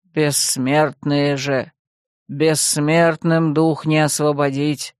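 A woman voicing a stern, brooding old frost king and father, in an audiobook reading. He speaks slowly and gravely. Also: low voice, level tone, darkish tone, no room sound, clean studio sound, voice pushed down. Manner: slow, grave and measured.

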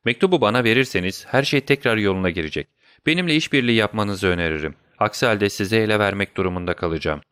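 A man's voice: fairly low pitch, animated, fast talker, fairly bright tone, clean tone, no echo, studio quality. A man voicing a brilliant male detective in an audiobook reading, speaking firmly and with command. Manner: firm, commanding.

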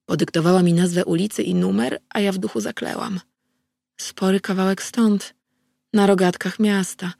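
A woman reading a novel aloud in the first person, in a steady, measured audiobook narration. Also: mid-range voice, creaky, no echo.

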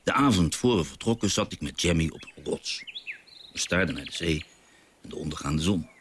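An actor playing a gentle father and naturalist who tells stories of his sea voyage, in a radio drama. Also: low-pitched, expressive, moderate pace, a little hiss or hum.

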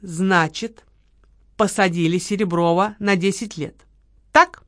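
A woman voicing a quick-tempered, sarcastic young woman in an audiobook, scolding and bossing her partner. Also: on the low side, no echo, studio quality, lightly acted. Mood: reasoning.

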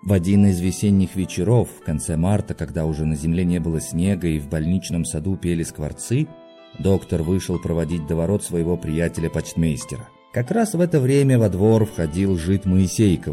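A man reading a classic novel aloud in slow, measured audiobook narration. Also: sits low, warm tone, faint music behind. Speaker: audiobook reader.

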